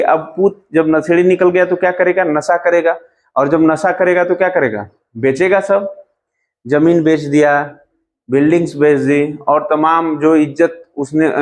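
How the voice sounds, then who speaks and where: A man teaching a grammar lesson, asking and answering his own questions, calling students "beta" and reciting verse lines slowly. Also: a little high. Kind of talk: classroom-style grammar lesson.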